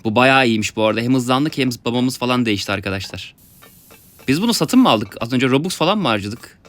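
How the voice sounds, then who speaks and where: A young man giving excited let's-play commentary, talking to his viewers and yelping at his mishaps. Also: mid-range voice, fast talker. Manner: excitable, yelps and laughs at mishaps, talks to viewers. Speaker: gaming YouTuber.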